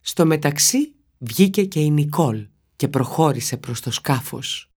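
A woman narrating a children's story in a steady, expressive reading voice. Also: low-pitched, husky.

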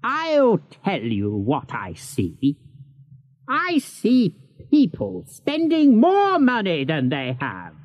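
Brief: wheezy old miser for an audiobook, slow and swooping, dull lo-fi audio. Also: male voice, sits high, pitched above the performer's own voice, full character voice. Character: miserly bitter old man, cold and scornful.

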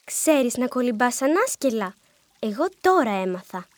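A woman voicing a lively, chattering little girl in a storybook reading. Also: on the high side, dry recording, pitched above the performer's own voice. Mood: coaxing. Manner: bossy, chattering.

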